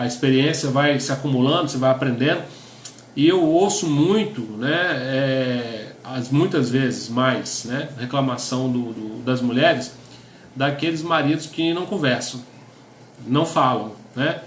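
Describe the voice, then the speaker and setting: A middle-aged Brazilian pastor with a Brazilian Portuguese accent teaches couples in a conversational sermon, speaking unhurriedly in a medium-pitched voice. The room sounds spacious, with a little hiss or hum. He often ends lines with a questioning "né?" and reads definitions aloud.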